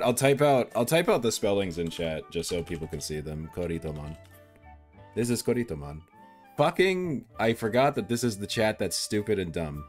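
A man streaming live as a VTuber, chatting casually in a playful, rambling way and swearing freely. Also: deep voice.

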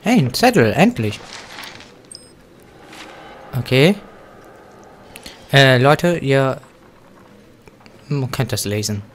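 Slow-talking joking male gamer. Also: medium pitch, sing-song, a little hiss or hum. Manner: joking running self-talk, sudden loud outbursts; drops to whispers in tense moments. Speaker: let's play gamer. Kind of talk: casual gameplay commentary. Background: faint game music.

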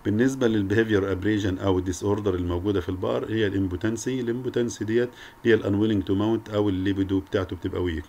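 A man's voice: low voice, dark tone, a little hiss or hum. A man with an Egyptian Arabic accent giving a recorded academic lecture, peppering his speech with English technical terms. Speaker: veterinary lecture presenter.

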